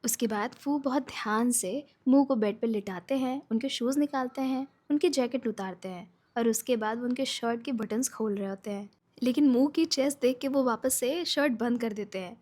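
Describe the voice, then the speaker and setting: A woman's voice: on the high side, normal speed, darkish tone. A woman retelling a drama's plot in a casual storytelling voice, lifting her voice for the characters' lines. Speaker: drama recap narrator.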